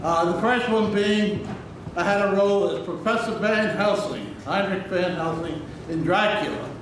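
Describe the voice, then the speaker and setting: Heard from a distance in a noisy, echoey hall, a man with a high, somewhat bright voice tells joking anecdotes to a live audience. He performs on stage at a normal speed, keeping the storytelling chatty and casual.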